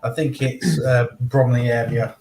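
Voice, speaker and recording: A man's voice: medium pitch, steady tone, a little slow, a little mellow. Man, guest, casual chat, easygoing, echoey room. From England. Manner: easygoing, laughs often. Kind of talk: casual live-stream chat.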